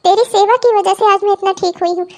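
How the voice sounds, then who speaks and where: Brief: cartoon mother-in-law, elderly and protective, very high and squeaky, sermonizing. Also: fairly even intonation, fast talker. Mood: tender, reassuring. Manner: affectionate, scolding, sermonizing. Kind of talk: cartoon comedy voice acting.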